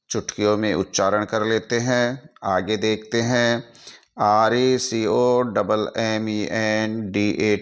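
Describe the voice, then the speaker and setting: Slow, smooth-voiced Hindi-accented teacher. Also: male voice, lowish voice. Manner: spells out English words letter by letter. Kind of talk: explaining to students.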